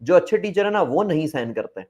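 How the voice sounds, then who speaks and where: Brisk and lively in intonation, a man with a voice on the high side, a little mellow and with a breathy edge, gives a casual interview. A former school teacher, he is outspoken and mixes English into his Hindi.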